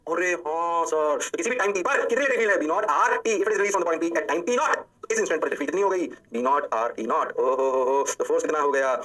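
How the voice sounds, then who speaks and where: Male physics teacher, quick patter, higher-pitched, playful and animated delivery. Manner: animated, playful catchphrases, rhetorical questions to students. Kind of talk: energetic online lecture.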